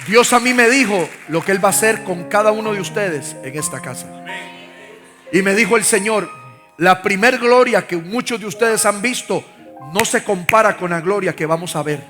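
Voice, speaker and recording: A man from Costa Rica pastors a live church service, urging the congregation with fervor to repeat after him. His voice is high and fairly bright, at a normal pace. The large sanctuary gives a reverberant sound, with music faintly present.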